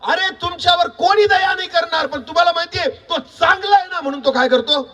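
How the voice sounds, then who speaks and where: A man preaching a sermon, quizzing the congregation with repeated questions and building to shouts. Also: very high voice, a little fast, distant mic. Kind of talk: sermon with call-and-response.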